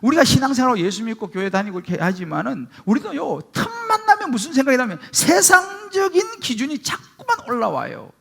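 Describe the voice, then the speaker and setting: Preaching in a very high-pitched, brisk voice with vocal fry and a breathy edge, a Gyeongsang-born pastor of middle age barely pauses at all. He narrates stories animatedly, voicing each character's words himself.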